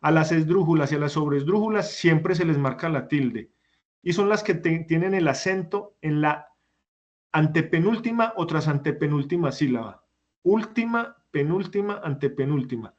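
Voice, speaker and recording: A man's voice: fairly high pitch, animated, normal speed, dull audio. A man teaching a class who explains step by step and puts questions to his students. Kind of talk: online class lecture.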